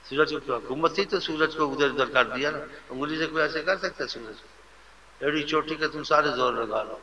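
A man preaching a devotional sermon with fervent, animated delivery, sometimes mimicking how people speak to others. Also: on the high side, a little hiss or hum. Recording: lo-fi recording with faint ambience.

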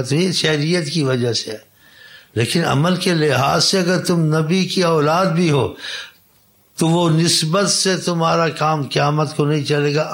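A man preaching a sermon, exhorting his listeners, repeating his points and quoting Arabic sayings in between. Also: medium pitch. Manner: exhorting, repetitive, quotes Arabic hadith. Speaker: Islamic preacher.

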